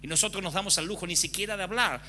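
An impassioned male preacher delivering a frank sermon and acting out everyday examples as he goes. His voice is strikingly bright and piercing, sitting on the higher side for a man. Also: very fast, slight background noise.

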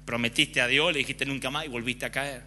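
A man's voice: mid-range voice, steady tone, fairly quick, pushed and bright, slight background noise, pitched below the performer's own voice. A man voicing the devil as a coaxing, chummy fake friend who talks in casual slang. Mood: sly. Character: sly smooth-talking male devil, fake friend.

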